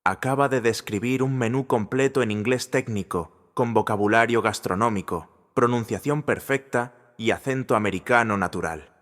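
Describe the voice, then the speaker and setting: A man voicing a wealthy middle-aged businessman who speaks in a firm, deliberate way. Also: mid-range voice, a bit bright, voice pushed up, close to an everyday voice. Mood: impressed. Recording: long reverb.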